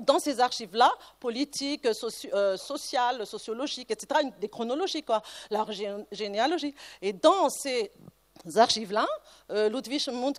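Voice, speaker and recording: Speaking at a conference, a woman researcher shares an anecdote from her own life, drifting into tangents and starting over frequently. Her pitch runs slightly high.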